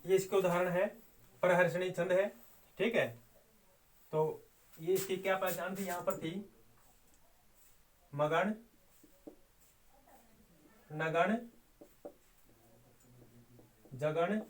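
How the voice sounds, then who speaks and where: A man's voice: high-pitched, fairly even intonation, extremely slow, long pauses. A middle-aged man teaching Sanskrit meter in an online exam-prep lesson, patiently explaining step by step, counting syllables aloud and chanting verse lines.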